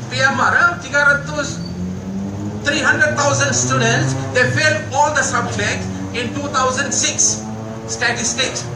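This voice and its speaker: A man's voice: very high voice, fairly even intonation, slow pace, loud music behind the voice. An older man with a Malaysian accent gives an earnest, emphatic political rally speech. He repeats his points and stops on fillers between them. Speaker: rally speaker. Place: outdoor night rally by a street. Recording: echoey PA sound from far off with traffic noise.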